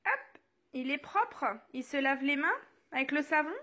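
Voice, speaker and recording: High-voiced young French mom vlogging. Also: female voice, animated, normal speed, sharp tone. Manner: chatty, many fillers, playful sing-song with the children. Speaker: vlogger and mother. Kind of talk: casual home vlog. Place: family home, child's bedroom. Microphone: phone held while filming.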